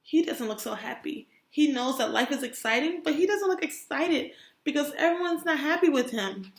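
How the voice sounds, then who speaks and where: This kindergarten teacher has a high-sitting, animated voice and reads at a normal pace. She performs a children's story expressively for young listeners, stopping now and then to quiz them, and the room around her echoes.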